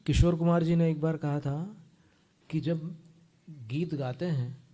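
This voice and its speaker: Slow, mellow-voiced man teaching recitation. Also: on the high side. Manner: slow, careful, explanatory, chants verse lines slowly. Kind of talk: pronunciation lesson on Sanskrit verse. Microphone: close microphone.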